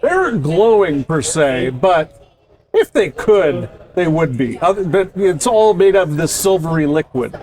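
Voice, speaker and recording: A man's voice: fairly high pitch, big pitch swings, a little slow, a little mellow. A man narrating a tabletop game as game master, talking to players. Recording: busy crowd chatter behind.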